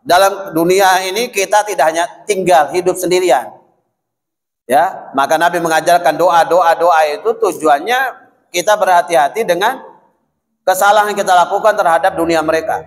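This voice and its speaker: A man preaching a mosque sermon in Madurese-accented Indonesian, animated and addressing the congregation directly. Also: sits high, moderate pace. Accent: Madurese-influenced Indonesian. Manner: animated, addresses listeners as "Pak", mixes Arabic prayers in. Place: mosque hall. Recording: long hall reverb.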